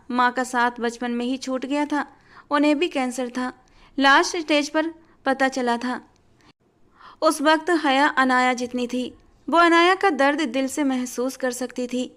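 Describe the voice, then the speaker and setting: A woman with a high voice reads out a dramatic family story. Her narration is steady and expressive, moving evenly from scene to scene.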